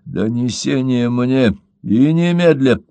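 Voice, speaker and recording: A man's voice: mid-range voice, expressive, slow pace, dark tone, clean tone, no room sound, voice pushed up. A man voicing a curt, commanding male boss who gives clipped orders, in a storybook reading.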